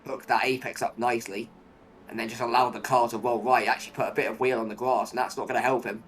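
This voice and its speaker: A man's voice: mid-range voice, fairly even intonation, fast talker, fairly bright tone, a little hiss or hum. A man commentating live on a motor race, play-by-play, narrating each move and posing running questions.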